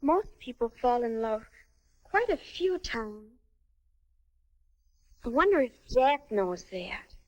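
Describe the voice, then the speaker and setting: Dreamy 1950s American teen girl, high voice, swooping intonation, wholesome, stagy film acting. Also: very animated, slow, pauses often, darkish tone, poor audio. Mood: wistful, curious.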